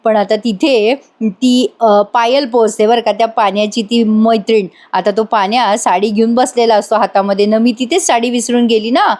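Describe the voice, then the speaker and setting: A woman's voice: a little high, moderate pace, few pauses, darkish tone. A woman hosting a casual voice-over recap, chatty and storytelling, talking straight to her viewers. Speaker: serial review host.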